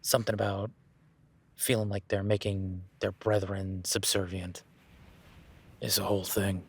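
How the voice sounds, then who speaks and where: With a lowish, slightly rough voice and little pitch movement, a man speaks at a measured pace as a rugged cowboy rancher. Directed at the listener as first-person audio roleplay, he teases a new ranch hand while sizing them up, relaxed all the while, and talks softly to his horse.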